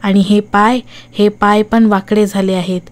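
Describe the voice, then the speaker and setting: A woman's voice: medium pitch, flat delivery, measured pace, lightly acted. A woman voicing a vengeful, half-burnt female ghost who taunts and scolds her victim in a horror audiobook. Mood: spiteful taunting.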